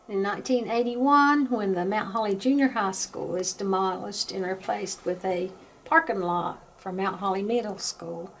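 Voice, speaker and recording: A woman giving an informal museum tour as a guide, speaking calmly and a little hesitantly. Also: mid-range voice. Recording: steady background noise, room ambience.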